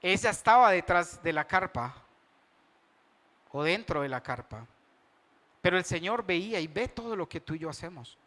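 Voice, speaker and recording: A man delivers a sermon in a notably high voice. He preaches conversationally as a pastor and turns often to his listeners with questions, drawing them into the talk. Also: expressive, moderate pace, long pauses, sharp tone.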